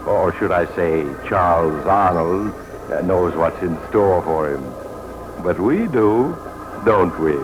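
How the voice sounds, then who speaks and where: An actor playing a sly, genial, mysterious train traveler who narrates 1940s radio suspense in a wry, confiding way. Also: male voice, sits low, expressive, takes it slowly. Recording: noisy 1940s radio recording.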